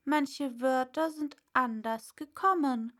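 A woman's voice: high-pitched, slow pace, fairly bright tone, full character voice. A woman reading a storybook and voicing a polite, timid little girl who speaks shyly. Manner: timid and polite, rising to plaintive.

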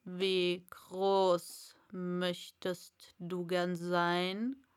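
A woman doing a slow, haughty caterpillar. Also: monotone. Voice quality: low breathy half-whispered drawl.

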